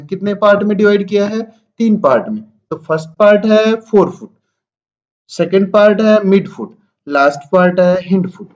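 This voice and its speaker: A man with a fairly high voice gives a slide lecture to nursing exam students. He recaps every point and answers his own questions. The recording sounds a little dull and lo-fi. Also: a little mellow.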